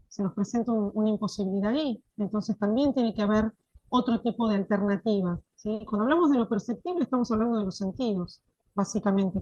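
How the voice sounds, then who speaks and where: A slightly high, darkish female voice comes across in dull audio with no room sound. She is an instructor teaching an online course for teachers, explaining steadily and often checking comprehension with "¿sí?"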